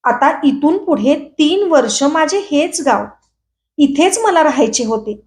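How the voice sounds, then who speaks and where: A woman calmly reading a novel aloud at a measured pace, after a short channel introduction. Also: high voice. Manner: calm, measured storytelling. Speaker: audiobook reader. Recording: echoey room.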